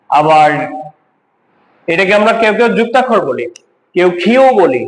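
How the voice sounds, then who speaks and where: Male teacher with a high voice, patient step-by-step explainer; echoey classroom sound. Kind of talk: classroom lesson.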